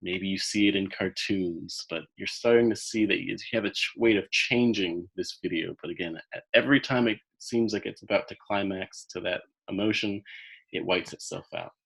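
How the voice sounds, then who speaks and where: Low-voiced guy walking you through a guided visualization, slow soothing pace, soft trailing ends. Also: creaky, slightly rough, low-quality recording. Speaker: coach leading a guided visualization.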